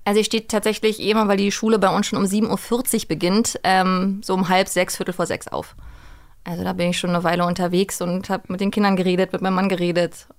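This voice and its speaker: A middle-aged woman who works as a voice actress and dubbing director is a guest in a casual interview, chatting talkatively and telling anecdotes about her work. Her medium-pitched voice is fast, with little pitch movement.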